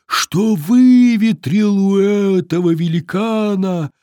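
A man voicing the wind as a rueful storybook character, drawn-out and humming. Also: high-pitched, warm tone, smooth, dry recording, studio quality, pitched above the performer's own voice. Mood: apologetic. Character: gusty rueful wind spirit.

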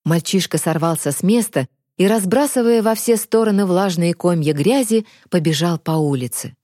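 A woman narrating a storybook in a calm, even telling. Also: on the low side, normal speed, dry recording, studio quality. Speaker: audiobook narrator. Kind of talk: scripted narration.

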